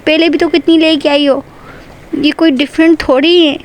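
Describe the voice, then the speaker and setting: A woman voicing an exasperated mother who scolds her college-age daughter with shrill, sharp questions. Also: measured pace.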